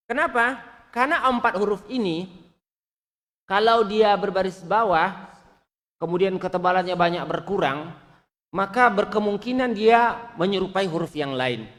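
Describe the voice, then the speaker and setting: A man teaching Quran recitation, correcting pronunciation and drilling syllables slowly for his students to repeat. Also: high voice, a bit bright. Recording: long hall reverb.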